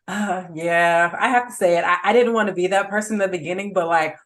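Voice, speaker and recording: Easygoing young woman guest, slightly low voice. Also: fairly quick, a bit bright. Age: young adult. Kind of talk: casual interview.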